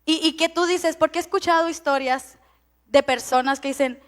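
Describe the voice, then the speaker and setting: A high-pitched, middle-aged woman preaching. She talks in a chatty, storytelling way and laughs often. Her sentences stumble and restart as she addresses her congregation. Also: normal speed. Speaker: pastor. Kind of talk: sermon with personal story.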